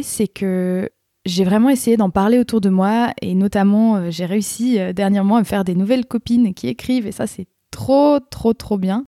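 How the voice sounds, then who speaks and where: A woman's voice: mid-range voice, mellow, dry recording, clean studio sound. A woman hosting a casual book and writing podcast, chatty with frequent hesitations. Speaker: podcast host.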